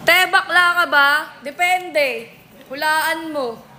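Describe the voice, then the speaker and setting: A woman's voice: sits high, slow pace, sharp tone. A woman hosting a casual live stream, answering viewer comments with playful, teasing comebacks. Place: billiards venue.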